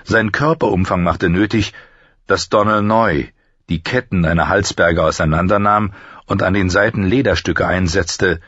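A man narrating an audiobook with a steady, measured reading. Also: low voice, breathy edge, no room sound, highs cut off. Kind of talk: scripted narration.

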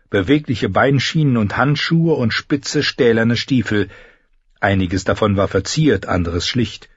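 A man narrates a fantasy story in a low, husky voice that rises and falls freely. The recording is dry and close, with a dull, lo-fi tone. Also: dry recording. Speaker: audiobook narrator.

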